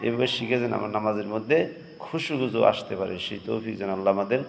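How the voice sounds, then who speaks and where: Religious teacher, man, gravelly, draws verses out in slow chant, reverberant space. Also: on the low side, fairly even intonation, slight background noise. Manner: breaks verses into slow drawn-out chanted phrases. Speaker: Quran recitation teacher.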